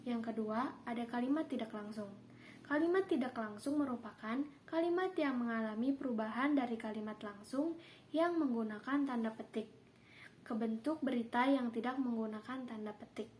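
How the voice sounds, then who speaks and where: A woman teaches a class, explaining each point in a steady, orderly way. Her voice sits a little high. A faint hiss runs under the recording. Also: moderate pace. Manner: steady explanatory delivery with spoken example sentences. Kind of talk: classroom lesson on grammar.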